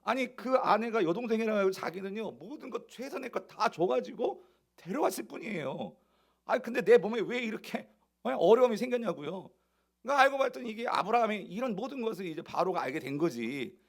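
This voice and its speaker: Male pastor, sermon, lively intonation, gravelly, slightly high voice. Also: a little fast. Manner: animated, rhetorical questions to the congregation.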